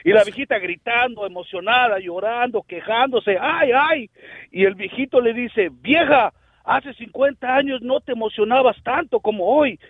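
A man puts on a crude, rowdy caller who calls in to tell dirty jokes, his voice pitched very high and squeezed through a tinny phone line. He is loud, vulgar and cocky. The line sounds dry and close. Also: no room sound. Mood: joking. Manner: brash, vulgar, drawn-out greetings. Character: crude joke-telling male radio caller "Nacho".

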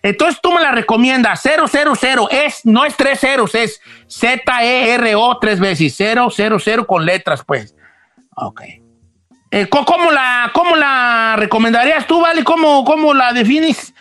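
A cheeky old ranchero hosting a call-in radio show, voiced by a man, speaking with a Mexican accent. His voice sits very high and bright, and he rambles and teases his co-host. The sound is close and dry. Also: expressive, unhurried, no room sound, full character voice. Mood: joking. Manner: teasing, playful, rambling. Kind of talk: joking radio banter.

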